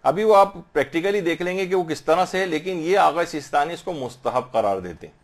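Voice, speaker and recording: A man giving a religious lesson on prayer, patiently explaining and slowly drawing out Arabic phrases to show correct pronunciation. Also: fairly high pitch, animated. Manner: slow drawn-out demonstrations of Arabic pronunciation. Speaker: religious teacher.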